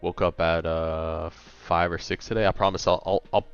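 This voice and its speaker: A man's voice: low-pitched, level tone, normal speed, clean tone, lo-fi sound, faint music behind. A man in his late twenties chatting casually on a gaming livestream, laid-back and a bit tired, rambling as he answers chat. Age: late 20s.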